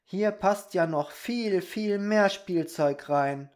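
A storybook reader voicing a small, wide-eyed boy who asks and wishes for things in an excited, eager way. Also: mid-range voice, moderate pace, voice pushed up, close to an everyday voice.

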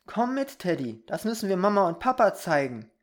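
A storybook reader voicing a small, wide-eyed boy who asks and wishes for things in an excited, eager way. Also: mid-range voice, normal speed, pitched above the performer's own voice, natural voice.

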